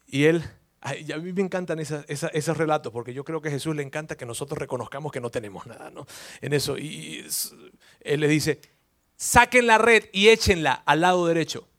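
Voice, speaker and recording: A man's voice: a little high, fast talker, creaky. Fervent storytelling male preacher. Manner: emotional storytelling, repeats words, asks listeners questions. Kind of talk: sermon.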